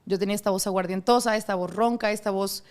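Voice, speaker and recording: This woman talks fast at a medium pitch. A radio host herself, she's the guest in a relaxed interview, recounting her story with lots of animation and performing other people's voices as she quotes them.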